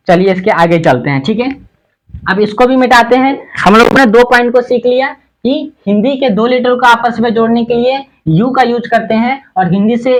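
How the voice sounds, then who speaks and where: A man teaching a lesson at a board, who asks his own questions, answers them, and spells words out slowly letter by letter. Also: extremely high pitch, highs cut off. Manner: repetitive and patient, checks understanding often. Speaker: spoken English teacher.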